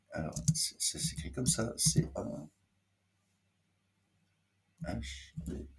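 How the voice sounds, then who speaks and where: A man hosting a literary stream, reading book excerpts aloud and adding hesitant, casual comments with many fillers and restarts. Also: low-pitched.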